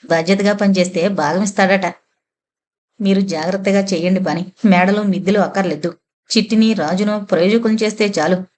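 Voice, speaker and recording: A woman narrates a novel for an audiobook. She reads the dialogue of every character without changing her own voice, at an ordinary middle pitch.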